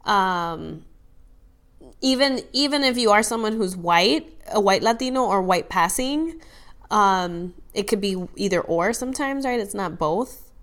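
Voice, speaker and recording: A woman's voice: mid-range voice, expressive, a little slow, fairly bright tone. A woman co-hosting a podcast in casual conversation, thoughtful and hesitant, with many fillers and restarts. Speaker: podcast co-host.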